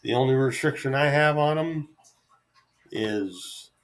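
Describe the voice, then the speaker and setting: A middle-aged vlogger with an average-pitched voice talks off the cuff to his camera in an unscripted solo ramble. His delivery is easygoing and halting, unhurried and self-deprecating rather than polished.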